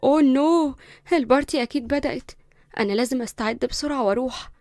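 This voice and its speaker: A woman puts on a spoiled, arrogant young woman from a storybook, with an Egyptian Arabic accent. She talks fast and fairly high, loud and scornful, and the recording sounds close and dry. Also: no echo, natural voice. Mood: smug.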